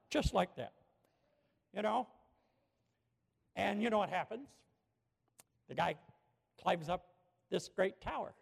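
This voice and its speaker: A man preaching a sermon in a church, telling a story with animated swings from hushed to shouting. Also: sits high, vocal fry, slightly rough. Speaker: pastor. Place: church sanctuary with a balcony. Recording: long hall reverb from a church.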